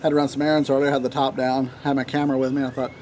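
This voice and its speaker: A man, chatting casually and unhurriedly, with pauses, as he rambles through a pipe tobacco review. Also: medium pitch, level tone, darkish tone, slight background noise. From Tennessee, United States. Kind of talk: casual vlog chat. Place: outdoor wooden deck in a leafy yard. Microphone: camera a few feet away. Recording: outdoor ambience with birdsong. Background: birds chirping, occasional dog barking.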